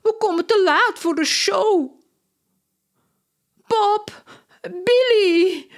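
A woman voicing an excitable, fussy adult woman circus clown in a children's storybook, her voice high and exclaiming. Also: takes it slowly, heavily acted. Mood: frantic, excited. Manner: shrill and exclaiming. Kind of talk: storybook character voice.

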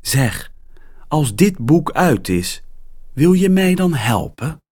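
A friendly but secretive woman author from a children's storybook, speaking in a slow, hushed way and dropping to near-whispers. Her lines rise and fall widely, as a man reading the story aloud puts her on, higher than his own voice. Every word is drawn out. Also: sing-song, exaggerated voice. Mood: mysterious. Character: mysterious friendly woman horror writer.

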